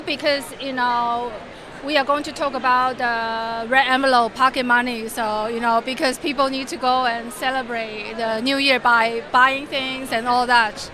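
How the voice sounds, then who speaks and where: Woman, really high voice, halting, hunting for words, noisy expo crowd. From Taiwan. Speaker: interview guest. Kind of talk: casual chat. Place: busy exhibition hall. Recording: crowd noise of a busy expo hall.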